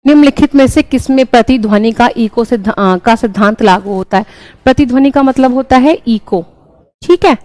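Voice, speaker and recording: Young woman going thru exam questions one by one, bit high voice, dry close sound. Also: normal speed, darkish tone, dry recording, rough recording. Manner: explains step by step, repeats answers, checks in with "ठीक है". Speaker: teacher. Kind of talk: exam-prep lesson, solving questions.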